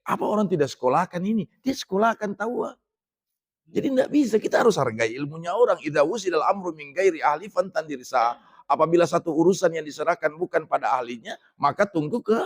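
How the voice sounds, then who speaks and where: A middle-aged man from Indonesia giving a religious lecture in a mosque, talking conversationally to the men present and reciting Arabic phrases slowly. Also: a little high, slightly rough.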